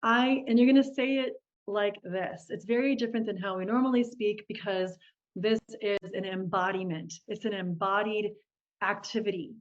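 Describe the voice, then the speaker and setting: A woman runs a live online group coaching session over a video call, sounding upbeat and encouraging and laughing often as she talks with participants. Her voice is mid-range with fairly even intonation at a normal speed. The video call audio is dull and lo-fi.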